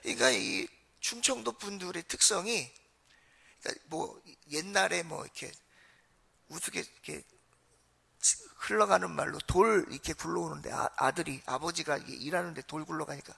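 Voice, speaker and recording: A man from Seoul gives a Sunday sermon in a church, spinning stories and turning to the congregation to ask them questions. His voice sits a little high and has a bright, forceful edge. A heavy gravelly fry runs through it. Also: normal speed. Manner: conversational storytelling, addresses the congregation. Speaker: pastor. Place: church sanctuary.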